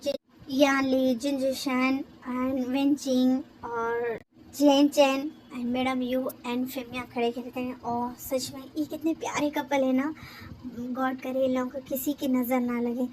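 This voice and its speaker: High-voiced woman narrator, casual rambling fan-story reading, faint hiss. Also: little pitch movement, slow pace, darkish tone, poor audio. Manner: rambling, many fillers and restarts.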